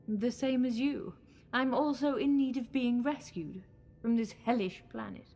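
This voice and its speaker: In an audio drama, a woman voices an imperious false goddess who schemes, commands, and condescends. Her voice sits a little high with a warm tone, and her silky, scheming lines come with slow, condescending endearments.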